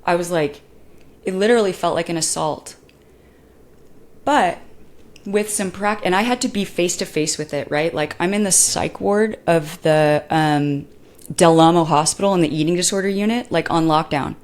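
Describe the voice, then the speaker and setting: A young woman co-hosting a podcast, telling personal stories in a candid, animated way and acting out voices as she goes. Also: on the low side. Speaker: podcast co-host and motorcycle racer. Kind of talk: casual podcast conversation.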